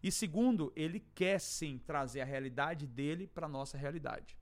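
High-voiced Brazilian man telling a dramatic story. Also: moderate pace. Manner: dramatic, acts out dialogue, swings from hushed to shouting. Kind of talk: animated testimony storytelling.

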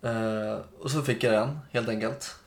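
A man's voice: medium pitch, steady tone. A man in his twenties, a podcast co-host, rambling through a casual story and acting out the dialogue. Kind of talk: casual chat. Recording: echoey room.

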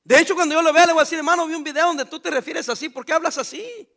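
A man's voice: very high-pitched, racing, creaky, bright, forceful tone. A middle-aged man, a pastor preaching a sermon with emphatic rhetorical questions to his congregation.

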